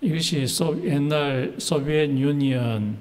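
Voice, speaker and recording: A male pastor preaching a sermon slowly and deliberately, pausing often with "uh" fillers. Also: fairly high pitch, darkish tone. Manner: slow, deliberate preaching with many pauses and "uh" fillers. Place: church sanctuary. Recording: church hall reverb, faint noise.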